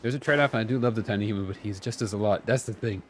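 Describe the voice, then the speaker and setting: Over game music, a game streamer delivers casual live commentary in a fairly low voice at a racing pace. He's chatty and playful, tossing in some mild joking swearing.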